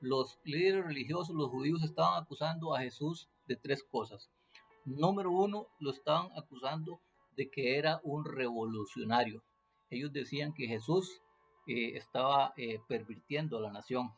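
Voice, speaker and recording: Man, teaching scripture off the cuff; rough fry in the voice, lots of fillers and restarts. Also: medium pitch, moderate pace, faint music behind. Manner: hesitant, many fillers and restarts, rhetorical questions. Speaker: preacher. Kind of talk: unscripted Bible teaching.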